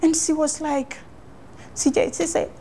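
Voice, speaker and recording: A woman interviewee giving an emotional personal account, halting and repeating phrases in non-native English. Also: high voice, fairly even intonation, vocal fry, mellow, a little hiss or hum.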